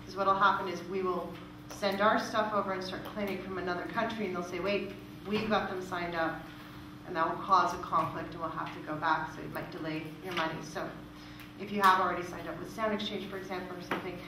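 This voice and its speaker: A woman who manages a music royalty organisation takes questions informally at a presentation, explaining things conversationally in front of an audience in a meeting room. Her voice is on the low side, fairly even in intonation and a little fast, picked up by a distant mic in an echoey room with clear background noise.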